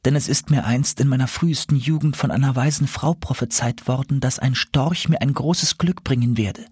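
A man voicing an enchanted princess turned into an owl, speaking in a plaintive, soft, husky voice. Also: medium pitch, normal speed, dry recording, clean studio sound, voice pushed up. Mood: confiding.

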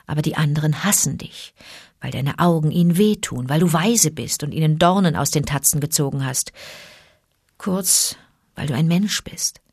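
A woman's voice: moderate pace, husky, no echo, studio quality. Woman reading a wise old panther. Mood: confiding. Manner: calm, low and confiding, urgent at times. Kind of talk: audiobook character reading.

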